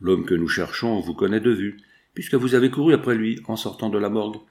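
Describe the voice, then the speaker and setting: A man reading the part of a shrewd gentleman investigator who reasons things out calmly. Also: fairly low pitch, fairly quick, natural voice.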